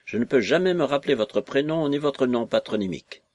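A man reading aloud who voices a shrill, mocking and fawning little lame man, raising his voice to a yelp. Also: expressive, a little fast, darkish tone, close to an everyday voice. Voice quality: yelping, shrill. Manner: mocking, ingratiating, exclamatory. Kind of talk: audiobook character voice.

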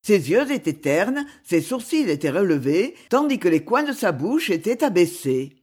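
A woman reading a chapter of a classic novel aloud in a measured, expressive storytelling manner. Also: mid-range voice, husky. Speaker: audiobook reader. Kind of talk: scripted narration of a novel.

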